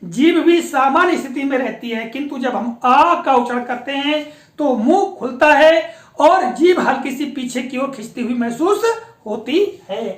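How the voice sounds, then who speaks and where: A woman teaching a patient, explanatory lesson, often pausing to check that her students follow along. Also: sits high. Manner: patient, explanatory, often repeats a confirming filler. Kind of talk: classroom-style lecture on pronunciation. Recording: echoey room.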